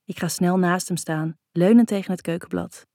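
A woman narrates a first-person audiobook in a soft, intimate, even way. Her voice is low-pitched and mellow, recorded dry and close with no room around it. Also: normal speed, no room sound.

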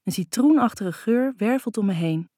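A woman narrating a first-person novel in a calm, even reading voice. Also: mid-range voice, moderate pace, no echo, clean studio sound. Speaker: audiobook narrator.

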